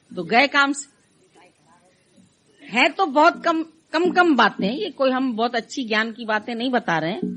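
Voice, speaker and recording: A woman's voice: high-pitched, a bit bright. A middle-aged woman giving a conversational devotional talk, acting out her listeners' complaints in quoted voices. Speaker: spiritual teacher.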